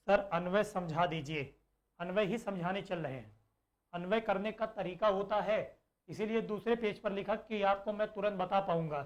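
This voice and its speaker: A male teacher giving an online exam-prep lesson, explaining slowly, repeating points and asking and answering his own questions. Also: sits high, muffled recording.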